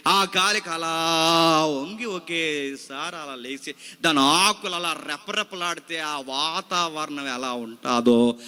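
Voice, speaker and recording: Bright, high-voiced preacher man. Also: in a large hall. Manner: dramatic, rhetorical questions to the congregation; repeats scripture phrase by phrase after a reader. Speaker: pastor. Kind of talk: sermon.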